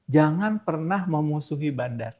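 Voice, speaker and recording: A man's voice: a little high, expressive, normal speed, a little mellow. A middle-aged man talking casually as a podcast guest, explaining things with lists and rhetorical questions. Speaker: stock market guest.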